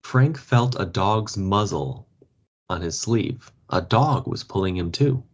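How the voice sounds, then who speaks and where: A man reading a story aloud for learners, slow and expressive. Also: lowish voice. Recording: dull lo-fi podcast audio.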